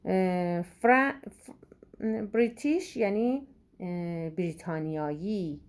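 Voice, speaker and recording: A woman teaching, going through exam questions, saying English words slowly and explaining quickly in between. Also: fairly low pitch, a little mellow.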